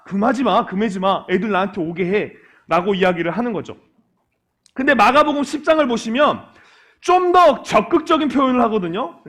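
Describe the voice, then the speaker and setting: Casting: male pastor, very high voice with a lot of swing, lively sermon to a youth group, quizzes the room, jokes along the way. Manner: lively, asks the congregation questions and acts out quoted lines; joking asides.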